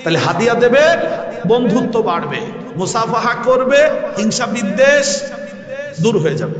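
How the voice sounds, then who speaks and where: A man preaching with a Bangladeshi Bengali accent, his fairly high voice ringing through a roomy space with a long echo. He drives his points home by repeating words and asking the listeners whether they understand. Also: very animated, moderate pace. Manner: emphatic, asks the audience questions, repeats key words. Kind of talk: sermon at a religious gathering. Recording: echoey hall with long reverb.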